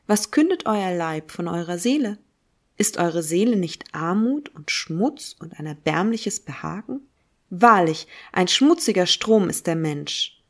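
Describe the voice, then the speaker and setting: A woman reading the words of a fervent male prophet who preaches to a crowd, declaiming them emphatically and solemnly. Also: mid-range voice. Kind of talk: dramatic reading of a philosophical text.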